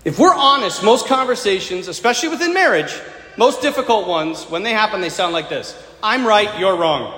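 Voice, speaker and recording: A man, a priest, preaching a sermon in an animated way, with acted-out quotes and humor, in a church. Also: high voice, a little fast. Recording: echoey church hall with faint ambience.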